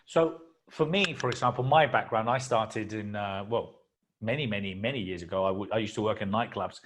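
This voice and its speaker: A man's voice: on the low side, a little fast. A man from Spain, hosting a stage interview in an effusive, eager way. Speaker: host and founder. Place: convention expo venue.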